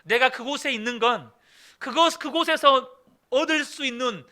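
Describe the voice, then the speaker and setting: A man's voice: extremely high pitch, moderate pace, sharp tone. A middle-aged male pastor preaching a sermon, reading a story aloud and then addressing the congregation.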